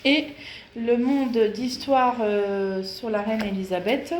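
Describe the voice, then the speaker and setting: A woman's voice: on the high side, slow pace. A woman vlogger chatting casually and hesitantly as she shows off her books, with many fillers. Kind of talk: casual book show-and-tell. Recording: echoey room with faint noise.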